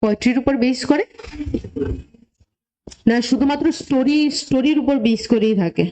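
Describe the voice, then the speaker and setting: Speaking Bengali laced with English terms, a Tripura-born teacher takes her class through a lesson one step at a time, regularly checking that students follow. She has a high-pitched, mellow voice at a normal pace, with slight noise in the background.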